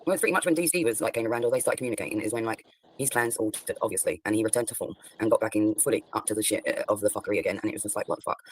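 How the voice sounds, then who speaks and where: A man's voice: on the low side, very fast, slight background noise, low-quality recording. A man on a livestream who talks bluntly, swears constantly and rambles through many fillers. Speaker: streamer. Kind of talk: heated livestream conversation.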